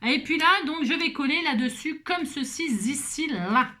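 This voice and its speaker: Woman, craft vlog host, chatty, hums while working, slightly high voice. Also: lively intonation, normal speed, sharp tone. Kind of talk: casual chatty craft tutorial.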